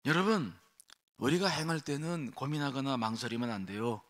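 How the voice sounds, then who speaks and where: A man preaching a sermon as senior pastor at an early-morning prayer service. He talks emphatically, swings from quiet asides to shouting, and asks the congregation rhetorical questions. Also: mid-range voice, moderate pace.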